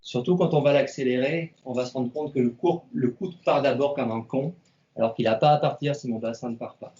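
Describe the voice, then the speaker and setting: A karate instructor teaching an online class to camera, giving slow, repetitive cues and counting out the moves. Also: male voice, medium pitch, dark tone. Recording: roomy, distant, dull sound.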